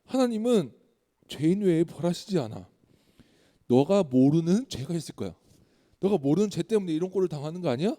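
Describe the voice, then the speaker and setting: A man's voice: fairly high pitch, sing-song, brisk, pauses often, dark tone, in a large hall. A man voicing Job's preachy male friends, who lecture him insistently to repent, in a children's sermon.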